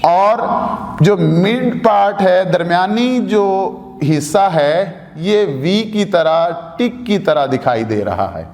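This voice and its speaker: A man's voice: high voice, expressive, slow pace, a little mellow. A man with a Pakistani Urdu accent teaching a language lesson, patiently explaining and repeating sounds to demonstrate them. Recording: echoey room with long reverb.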